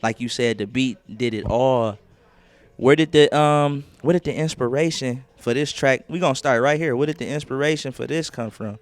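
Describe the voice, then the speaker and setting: A man hosting a casual podcast interview live from a clothing store, hyped and quick to chime in. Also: medium pitch, dry recording. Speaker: podcast host.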